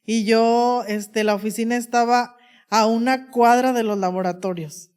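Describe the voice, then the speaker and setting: A woman's voice: on the high side, fairly even intonation, measured pace, a little mellow, smooth. A woman pastor telling her testimony in an interview, emotional and full of fillers. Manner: emotional storytelling with many fillers.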